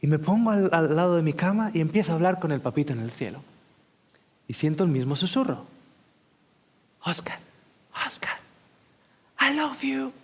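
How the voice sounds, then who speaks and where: An emotional male preacher delivering a seminar sermon in a voice pitched a little above average. He puts direct questions to his listeners and often drops into slow, intimate whispers to drive a point home. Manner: emotional, shifts into slow, hushed whispers for emphasis.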